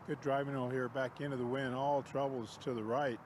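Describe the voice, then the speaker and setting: Male on-course golf commentator, clipped practical delivery, clear outdoor noise around him. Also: medium pitch, level tone, brisk. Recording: noisy outdoor course ambience.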